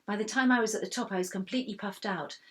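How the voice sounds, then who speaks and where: A woman reading a first-person children's story aloud in a steady, expressive way. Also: mid-range voice, racing. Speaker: reader.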